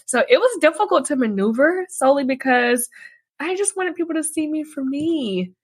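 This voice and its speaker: A woman guest in a candid podcast interview, talkative and expressive, often laughing as she tells stories about herself. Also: high voice, moderate pace, dry recording.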